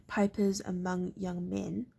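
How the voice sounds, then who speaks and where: Woman reading as easygoing friendly baron, low husky voice, flat. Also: takes it slowly, exaggerated voice. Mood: easy. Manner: easy, friendly.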